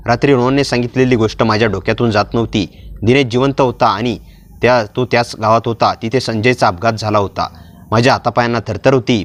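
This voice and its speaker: A man narrating a dramatic first-person story in a steady storyteller's manner. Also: medium pitch.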